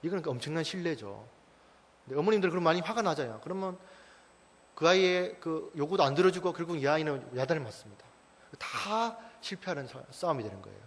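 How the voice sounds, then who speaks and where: Church staff speaker, male, thirties: quick, emphatic parenting talk with a slightly high voice and long hall reverb. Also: animated. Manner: emphatic, addresses audience directly with rhetorical questions.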